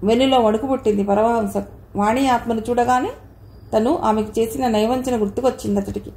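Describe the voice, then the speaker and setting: Brief: woman audiobook narrator, horror novel, fairly high voice with a gravelly edge, roomy echo. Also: brisk, a little hiss or hum. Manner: even storytelling read. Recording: echoey room.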